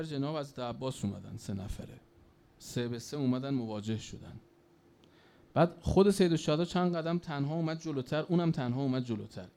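A man preaching a sermon in a colloquial storytelling manner, his voice rising and falling sharply in loudness. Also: a little high. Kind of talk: religious sermon.

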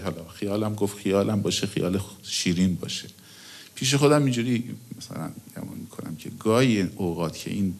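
A middle-aged male cleric preaching a sermon, emotive and often dropping to a hushed whisper. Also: on the low side.

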